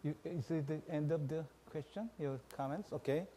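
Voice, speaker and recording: A man chairing a panel session, halting and switching between languages as he invites questions from the floor. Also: on the high side, background noise. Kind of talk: moderating a panel. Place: large conference hall. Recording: reverberant conference hall.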